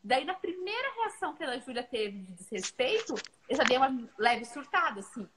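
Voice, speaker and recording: A mother from Brazil in her thirties co-hosts a laid-back parenting conversation, sharing home stories in an earnest, animated way. Her high voice moves briskly, and background noise can be heard.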